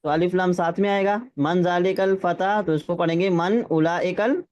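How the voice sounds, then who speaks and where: Brief: male Arabic teacher, high voice, patient, slightly dull lo-fi audio. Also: steady tone, darkish tone, clean tone. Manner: patient, checks understanding, reads Arabic phrases slowly. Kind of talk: classroom lesson with drills.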